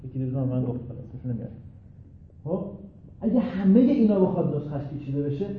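A man, a cleric, giving an interactive religious lecture to students, telling jokes and stories in an animated way, in a distant, echoey, phone-like recording. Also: fairly high pitch. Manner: animated, joking storyteller. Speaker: cleric teaching a religious class.

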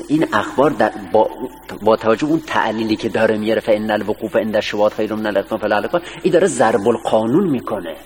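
A man's voice: on the low side, darkish tone. A male seminary teacher giving a classroom lecture, reading a text line by line and putting questions to his students. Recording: distant voice with long hall reverb, faint hiss.

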